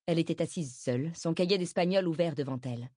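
A woman reading a novel aloud as narrator, in an even, measured manner. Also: low-pitched, dry recording, studio quality. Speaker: audiobook narrator. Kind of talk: scripted narration.

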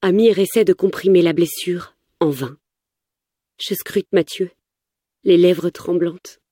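A woman's voice: lowish voice, fairly even intonation, slow, mellow, husky, dry recording, clean studio sound. A woman narrating a first-person story with tense, urgent delivery.

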